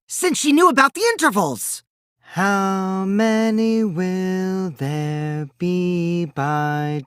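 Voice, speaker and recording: A man's voice: on the high side, a bit bright, clean tone, dry recording, studio quality. A male actor voicing Kokichi, a mischievous, lying, childish teenage boy in a video game, theatrical and moving between bratty teasing and sinister taunting. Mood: bratty, whiny, then ominous, quiet. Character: mischievous, lying, childish teenage boy, self-styled evil supreme leader. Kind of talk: English video game voice acting.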